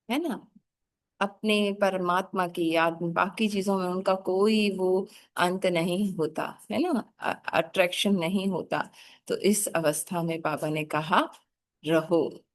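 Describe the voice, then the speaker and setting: Slow, gentle woman leading a meditation. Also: medium pitch. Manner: gentle, slow, often adds a questioning "hmm?". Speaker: spiritual class teacher. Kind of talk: meditative spiritual reading and commentary.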